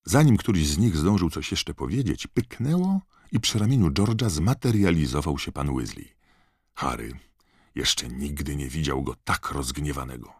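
A man reading a story aloud as an audiobook narrator, expressive and scripted. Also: very deep voice, moderate pace, slightly rough, dry recording, studio quality.

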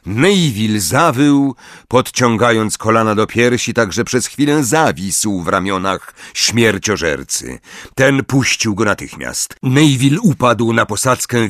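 A man reading a fantasy novel aloud as audiobook narrator, in measured, dramatic storytelling. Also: fairly low pitch, lively intonation, no room sound, studio quality. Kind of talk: scripted narration.

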